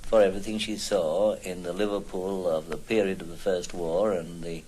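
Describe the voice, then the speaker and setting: A man speaking in a measured, deliberate way about a public figure in a documentary interview. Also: low-pitched, fairly even intonation, warm tone, slightly rough, poor audio.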